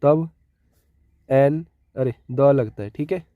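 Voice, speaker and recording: A man's voice: mid-range voice, takes it slowly, no room sound, narrow, tinny audio. A man with a Hindi accent teaching an English grammar lesson, explaining step by step and often checking in with his listeners. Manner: repeats key words and keeps checking with "ठीक है".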